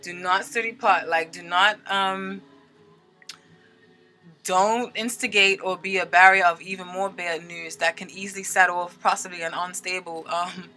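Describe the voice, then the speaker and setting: A woman giving a casual tarot reading, chatty and animated, often checking in with her listeners. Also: on the low side, unhurried, soft background music. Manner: chatty, animated, with filler words and frequent "okay?" check-ins. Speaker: tarot reader.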